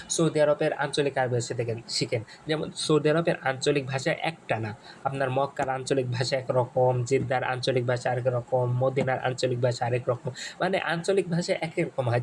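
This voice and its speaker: A man from Bangladesh walks learners through a course screen by screen, halting often and repeating himself. His voice sits at an ordinary middle pitch. A faint hiss of noise runs under the recording. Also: low-quality recording. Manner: repetitive, halting, many restarts and fillers. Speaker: Arabic course instructor. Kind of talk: screen-share tutorial walkthrough.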